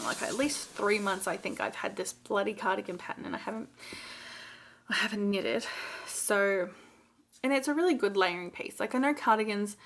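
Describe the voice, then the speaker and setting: A woman's voice: medium pitch, a bit bright. Chatty Australian woman rambling casually. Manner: chatty and rambling, with lots of fillers and restarts. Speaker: knitting vlogger. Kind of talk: casual chat.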